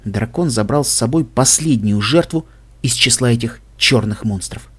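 A man narrating an audiobook in an even, measured reading voice. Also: medium pitch, husky. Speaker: audiobook reader. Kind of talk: scripted narration.

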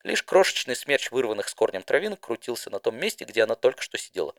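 A man narrating a fan audiobook in an expressive storytelling manner. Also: mid-range voice, fast, no echo, clean studio sound.

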